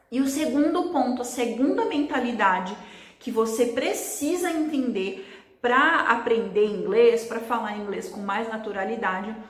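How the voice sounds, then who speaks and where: A Brazilian woman gives an English lesson at an unhurried pace, often pausing to ask "ok?". Her voice sits a little high. The room around her is noticeably echoey. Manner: explains slowly, checks in with "tá?" and "ok?". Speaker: English teacher.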